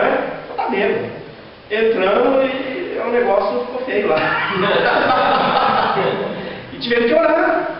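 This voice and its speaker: A man's voice: sits high, a little hiss or hum. A man preaching a sermon as pastor, with a Brazilian Portuguese accent, telling stories and acting out the voices of the people in them. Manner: storytelling, acting out quoted voices, rhetorical questions. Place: large echoey church hall. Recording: echoey hall from far off, dull sound.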